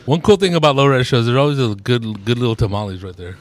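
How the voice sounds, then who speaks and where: Male co-host, rapid casual delivery, lots of bro slang and cursing, medium pitch. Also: lively intonation. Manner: bro-heavy, laid-back slangy talk. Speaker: podcast co-host. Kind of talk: casual banter, profane slang.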